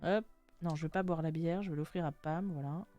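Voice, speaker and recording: A woman's voice: low voice, brisk, dark tone, lo-fi sound, soft background music. A young woman chatting casually and jokingly while playing a video game, reading its text aloud. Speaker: gaming streamer. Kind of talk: casual let's-play chat.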